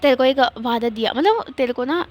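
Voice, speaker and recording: A woman's voice: sits high, animated, fairly quick, darkish tone, soft background music. A woman voicing a playful, teasing young man who is the hero's best friend, in a casual storybook telling. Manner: teasing, chatty.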